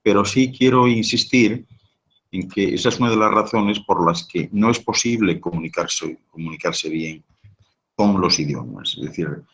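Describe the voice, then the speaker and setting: Very low husky man explaining at length. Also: expressive, normal speed, a bit bright, low-quality recording. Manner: explanatory, with frequent rhetorical "¿no?" tags. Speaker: guest speaker on sound and language. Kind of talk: live talk answering audience questions.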